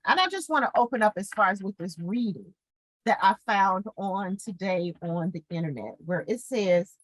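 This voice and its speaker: A middle-aged woman co-hosting a casual podcast chat, animated and playful, acting out quotes in lively voices. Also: medium pitch, no echo, low-quality recording. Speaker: podcast co-host.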